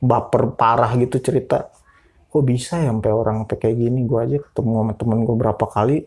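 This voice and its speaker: A man casually telling a ghost story, animated and acting out other people's lines. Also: medium pitch. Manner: animated, quotes people in voices. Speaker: guest storyteller.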